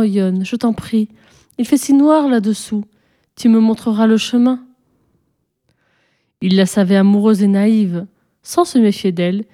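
A woman narrating a folk tale expressively, slowing and hushing her voice at tense moments. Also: medium pitch. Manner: expressive, dramatic pacing, hushed at tense moments. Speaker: storyteller. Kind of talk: scripted story narration.

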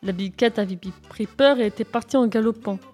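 A woman narrates a children's adventure story, her voice sitting a little high. She lifts her tone for the dialogue and keeps the telling lively, with soft music under her reading. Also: fairly quick. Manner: lively, raising pitch and volume for dialogue. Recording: faint music behind. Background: faint music.

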